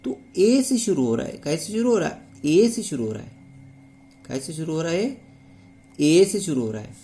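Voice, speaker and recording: A man's voice: on the high side, big pitch swings, moderate pace, creaky, warm tone. A man teaching English grammar in a video lesson, speaking with a Hindi accent and repeating key words as he asks rhetorical questions. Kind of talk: classroom-style video lesson.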